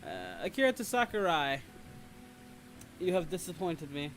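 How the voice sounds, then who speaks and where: A man hosts a casual livestream, reading and answering viewer comments in a rambling, repetitive way and teasing them with complaints. His high-pitched voice is expressive, moderately paced and a bit bright, with soft music in the background.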